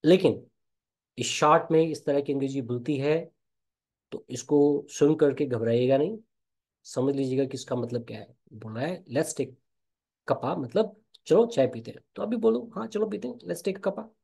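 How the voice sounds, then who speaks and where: A man with an Indian accent teaching a spoken English lesson, explaining slowly and repeating example phrases. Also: mid-range voice, darkish tone.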